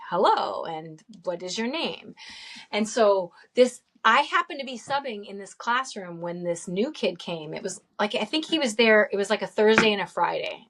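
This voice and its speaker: Middle-aged woman, interview guest, animated, casual anecdotes, mid pitch. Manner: animated, acts out quoted voices. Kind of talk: casual storytelling.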